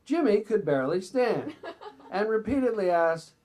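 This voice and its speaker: This reader at a bookstore event has a high-pitched, somewhat dark voice with big swings in pitch, delivered at normal speed. He's reading from a memoir live, occasionally tripping over words and wandering off-script with side comments.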